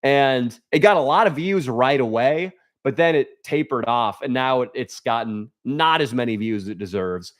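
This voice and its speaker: A young man hosting a livestream, chatting casually to viewers and reading their comments, with crude deadpan jokes and rambling asides. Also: medium pitch. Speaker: livestream host.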